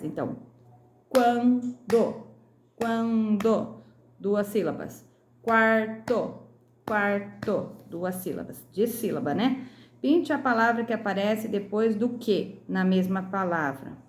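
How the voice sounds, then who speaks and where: A Brazilian woman teaching young children, speaking slowly and sounding out each syllable. Her voice sits at an ordinary pitch. The room around her is echoey. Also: expressive, a little hiss or hum. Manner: slow, clear, syllable by syllable. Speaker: primary school teacher. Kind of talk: recorded lesson correcting a workbook.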